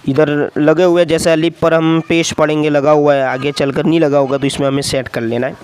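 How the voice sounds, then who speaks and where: A man's voice: on the high side, level tone, clear, resonant tone. A man teaching a script lesson, talking to viewers directly and reading practice words syllable by syllable. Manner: reads practice words very slowly and loudly, syllable by syllable. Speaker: Urdu teacher.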